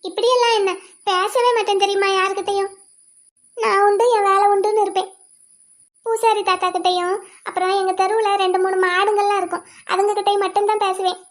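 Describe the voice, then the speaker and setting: A woman's voice: very high-pitched, level tone, fairly quick. A woman voicing a sweet, clingy young wife in a cartoon, pleading and childlike. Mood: coaxing. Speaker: cartoon voice actor. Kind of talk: cartoon voice acting.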